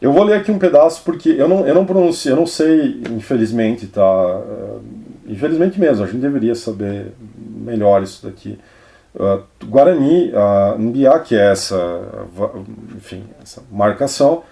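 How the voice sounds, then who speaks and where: A man casually talking about a novel to camera as a book reviewer, meandering and restarting sentences with drawn-out fillers. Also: medium pitch, animated, gravelly, warm tone. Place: indoor studio set with camera crew.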